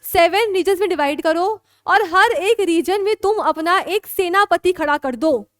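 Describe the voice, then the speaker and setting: An Indian woman lecturing on law with a very high voice. She moves between Hindi and English and keeps asking whether her students are clear. The sound is dry and close, with no room echo. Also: a little slow, a bit bright. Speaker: law teacher. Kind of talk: classroom lecture.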